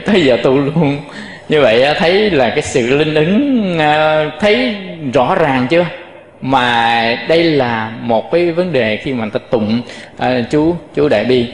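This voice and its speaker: A man who is a Buddhist monk, giving a patient dharma talk and addressing his listeners directly. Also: a little high. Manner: explains patiently, often addressing listeners directly, demonstrates chant tones. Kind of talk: dharma talk with chanting demonstrations. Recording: echoey hall with long reverb.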